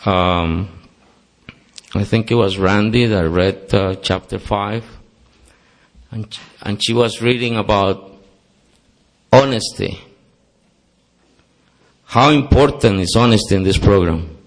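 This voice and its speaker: Long pauses mark this man's slow delivery, and his pitch is fairly low. He comes from Costa Rica, speaks Spanish natively with a Costa Rican Spanish accent, and is telling his story earnestly, with self-deprecating jokes, at a recovery meeting in a meeting hall.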